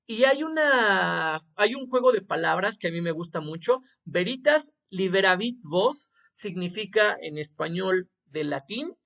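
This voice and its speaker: A man walks a student through an assignment in a screen-recorded tutorial lesson. His voice sits high with a gravelly edge, and he keeps it informal, tossing in quick tag questions as he goes. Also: fairly bright tone. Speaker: teacher.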